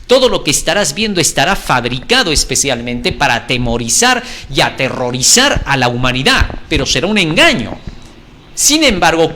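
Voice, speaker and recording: Animated male preacher. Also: a little high, slight background noise. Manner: animated, dramatic reading of scripture with rhetorical questions. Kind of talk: sermon.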